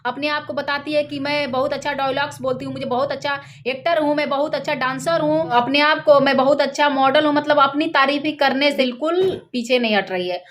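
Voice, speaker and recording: Indignant high-voiced woman scolding. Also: steady tone, fairly quick, hardly any pauses, a bit bright, slight background noise. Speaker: singer and gossip vlogger. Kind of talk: heated celebrity gossip commentary.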